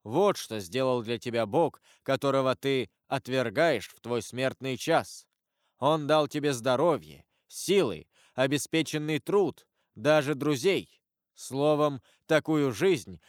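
A man voicing a stern, solemn avenger disguised as a priest, speaking gravely and in measured sermons. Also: medium pitch, dry recording, studio quality, natural voice.

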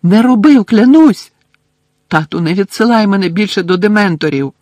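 A high, desperate young prisoner. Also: male voice, lively intonation, slow pace, darkish tone, dry recording, studio quality. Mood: desperate pleading. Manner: high, crying, begging. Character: young man in chains, desperate, pleading.

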